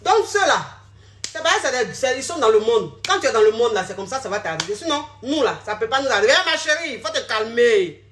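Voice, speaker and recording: A woman speaks to her viewers as a relationship coach. Her voice sits high and bright. She is blunt and scolding and repeats her points again and again. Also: sing-song, fast, slight background noise. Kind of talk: direct-to-camera social media talk.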